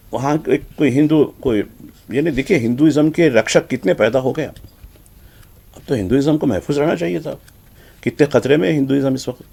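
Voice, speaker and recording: A man with a Hyderabadi Urdu accent giving conversational news commentary on the papers, animated, acting out the exchanges he quotes. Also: vocal fry, slightly rough. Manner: animated, acts out quoted exchanges with shifts in pitch. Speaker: news commentator reviewing newspapers.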